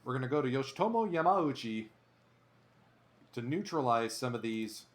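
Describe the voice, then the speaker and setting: Streaming a baseball game he's playing, a man delivers play-by-play commentary in the animated style of a sportscaster. His voice sits in the mid-range at a normal pace, and he talks with viewers between plays.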